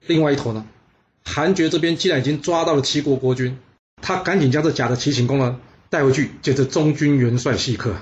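A man's voice: mid-range voice, fairly quick, dull audio. A man telling history stories casually, chatty, with teasing asides and many filler particles. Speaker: storyteller.

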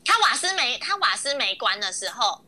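A woman co-host chats on a podcast, her voice bright and forceful and pitched a little high. She is playful and laughs often, acting out little scoldings as she talks. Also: very animated, brisk. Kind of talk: casual chat.

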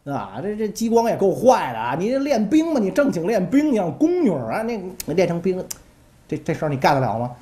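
Brief: woman storyteller, dark mellow voice, very lively, jokey asides. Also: on the low side, brisk. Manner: jokey, chatty asides to listeners. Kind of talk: colloquial history storytelling.

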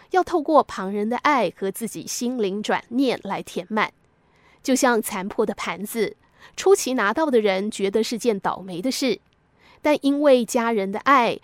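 A woman with a fairly high voice reads a story aloud in a gentle, reflective manner. The sound is close and dry, with no room around it, suited to a podcast storyteller. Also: dry recording. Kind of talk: scripted story narration.

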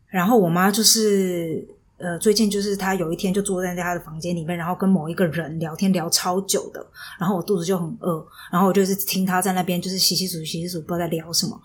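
A woman's voice: lowish voice, fairly even intonation, quick pace, breathy edge. A young woman with a Taiwanese Mandarin accent hosting a casual solo podcast, chatting and telling stories with lots of fillers, recorded on a studio mic in a small room. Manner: chatty, storytelling with frequent fillers. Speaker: podcast host. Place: small rented room at home. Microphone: professional microphone.

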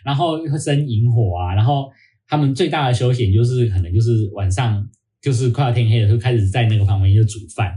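A young man from Taiwan, a podcast guest chatting casually and recounting his experiences with lively energy. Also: mid-range voice, fairly quick. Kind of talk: casual chat.

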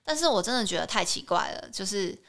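A young woman in her twenties, a podcast guest telling travel stories in lively casual chat and acting out the dialogue. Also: medium pitch, fast talker. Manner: animated, acts out quoted dialogue.

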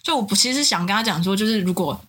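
A woman's voice: medium pitch, very fast, a bit bright, husky. A young woman from Taiwan telling a travel story in casual chat, acting out the quoted dialogue with animation.

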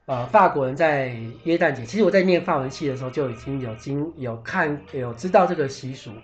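A man's voice: medium pitch, fairly quick, muffled recording, soft background music. A man hosting a casual podcast, talking in a chatty, explanatory way with many fillers and restarts, sometimes spelling out foreign words. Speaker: podcast host.

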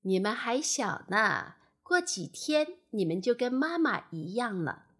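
A woman voicing a warm, tender mother frog. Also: fairly high pitch, big pitch swings, measured pace, slightly rough, heavily acted.

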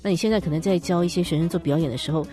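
A woman's voice: lowish voice, rapid-fire, mellow. A woman from Taiwan hosting a podcast interview, asking questions casually and giving many short affirmations. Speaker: podcast host.

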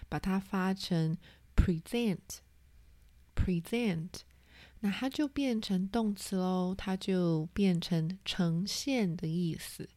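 Slow, mellow-voiced woman teaching vocabulary. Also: mid-range voice, no echo. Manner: spells words letter by letter, repeats terms. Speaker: English teacher. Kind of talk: vocabulary lesson.

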